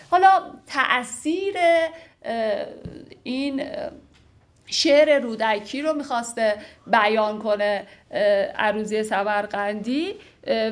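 A woman giving an informal, conversational lecture on classical poetry, with fillers and asides. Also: fairly high pitch. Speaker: literature teacher.

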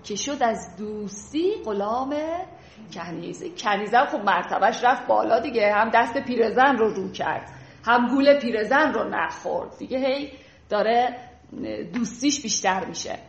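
Lady teacher reading old poems slow then explaining fast and casual, bit high voice, echoey room. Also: creaky. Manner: slow measured verse recitation, then quick colloquial explanation. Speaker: literature teacher. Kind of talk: reading and explaining classical poetry. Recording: roomy echo.

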